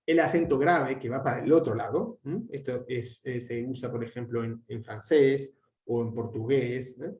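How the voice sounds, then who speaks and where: A man teaching a language lesson, explaining at length with frequent restarts and fillers, and drawing out his example words slowly. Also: mid-range voice, darkish tone. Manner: hesitant, many restarts and fillers. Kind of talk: explanatory lecture. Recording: echoey room.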